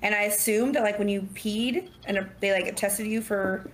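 Woman, 30s, guest on a casual podcast; lively storyteller who acts out dialogue, mid-range voice. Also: medium pitch, moderate pace. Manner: animated, acts out quotes, laughs often.

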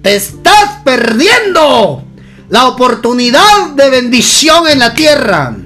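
A man, leaning hard into slow, drawn-out phrases. He breaks into loud exclamations, then drops back to a steady, emphatic delivery. Soft guitar plays faintly behind him. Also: very high voice. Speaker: preacher. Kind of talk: sermon.

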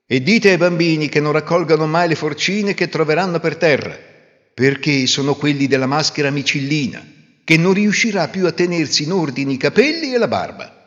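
A man's voice: on the high side, moderate pace, a bit bright, natural voice. A man voicing a clever, self-assured young peasant hero in a folk tale. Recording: roomy reverb, dull lo-fi sound.

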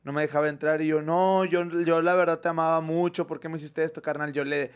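A young Mexican man with a Mexican accent, casually telling an animated personal story on a podcast, full of slang and swearing. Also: a little high, brisk, clear, resonant tone. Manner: animated storyteller, heavy slang and swearing, says 'güey' constantly. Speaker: podcast co-host.

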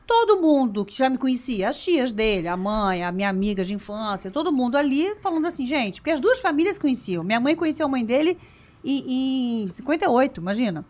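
A woman in her fifties with a Carioca accent, telling an animated personal story in a casual chat and laughing often. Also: sits high, brisk. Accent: Carioca Brazilian Portuguese. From Rio de Janeiro suburbs, Brazil. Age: 50s. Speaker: guest.

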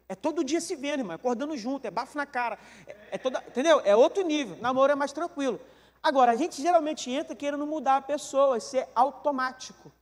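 A man with a Brazilian Portuguese accent, a pastor giving a joking, animated sermon full of questions to the congregation. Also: very high voice, in a large hall.

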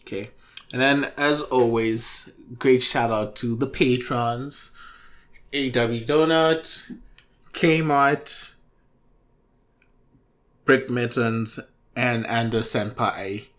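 A man's voice: mid-range voice, fairly even intonation, drawn-out words, long pauses, a bit bright. A man co-hosting a podcast in casual chat, rambling with lots of fillers, on a new microphone. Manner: rambling, filler-heavy talk. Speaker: podcast co-host.

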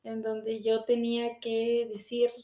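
A young woman chatting casually, telling animated stories and tagging her sentences with little questions. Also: on the high side, slow pace, echoey room. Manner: animated storyteller, ends phrases with tag questions. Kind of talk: casual chat.

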